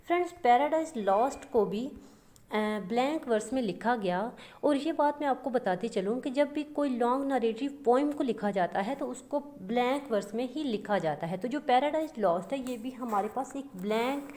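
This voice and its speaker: Female teacher, slightly high voice, walking viewers through a lesson in a patient, repetitive way. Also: expressive, normal speed, mellow. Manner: addresses listeners as friends, repeats points with frequent fillers. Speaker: English literature teacher. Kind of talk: explanatory lecture.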